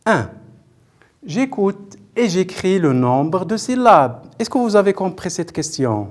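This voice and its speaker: This male teacher has a high, very animated voice but takes his time. Leading a primary school lesson on television, he patiently repeats himself, breaks words into syllables, and keeps asking pupils questions and praising them.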